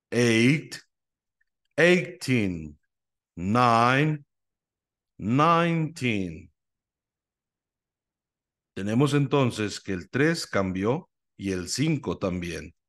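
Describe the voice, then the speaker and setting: A male English teacher with a Mexican accent, drilling a class on numbers by saying each one three times. His voice sits a little low, and he talks at an extremely slow, deliberate pace. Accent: Mexican Spanish. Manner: repeats each number three times, explains in Spanish to students.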